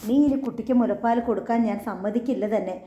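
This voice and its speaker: A woman's voice: medium pitch, fast, dark tone, lightly acted. A woman voicing a stern young husband and father who speaks curtly and lectures. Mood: scolding. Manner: curt, lecturing. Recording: echoey, slightly dull recording.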